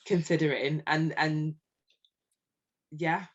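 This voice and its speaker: A woman's voice: low-pitched, fairly even intonation, slow, dull audio, slight background noise. A middle-aged woman talking openly as a coaching client, hesitant and full of ums, with small self-conscious laughs. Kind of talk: candid conversational talk.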